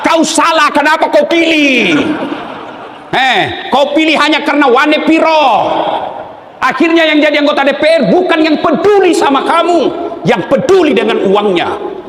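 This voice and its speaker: A man with a Makassar Indonesian accent preaching a humorous sermon to a live crowd, joking and shouting questions for the audience to answer. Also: extremely high pitch, lively intonation, moderate pace. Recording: echoey hall, long reverb.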